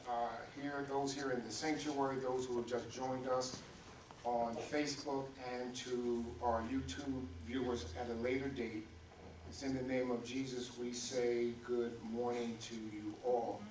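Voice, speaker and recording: A man preaching a sermon as pastor, calling on congregants by name and drawing call-and-response from them in a church sanctuary. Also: medium pitch. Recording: roomy echo, distant mic, faint hum.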